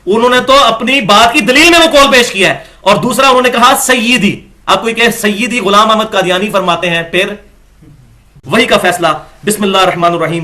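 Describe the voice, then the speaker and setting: A man giving an argumentative religious lecture, reading quotations from books and reciting verses slowly. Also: sits high, pushed and bright. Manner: argumentative, reads quotes aloud and recites scripture slowly. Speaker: religious scholar.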